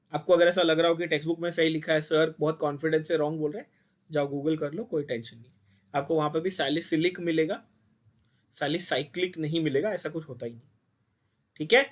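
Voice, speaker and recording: High-voiced Indian chemistry teacher quizzing students. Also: male voice. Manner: mixes Hindi and English, quizzes students constantly, blunt and scolding. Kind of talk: online class lecture.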